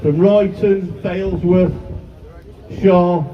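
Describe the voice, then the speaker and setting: A man's voice: high-pitched, steady tone, very slow, dull audio. A local campaigner who is a man gives an earnest, plain-spoken speech to residents at an outdoor protest. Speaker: local campaigner speaking at a rally. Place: outdoors at a street demonstration. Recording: distant audio with crowd.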